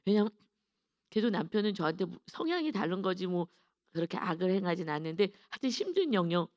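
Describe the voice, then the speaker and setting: A woman's voice: lowish voice, big pitch swings, quick pace, a little mellow, dry recording, highs cut off. A middle-aged woman pastor giving an earnest, confessional dawn sermon with emphatic stresses.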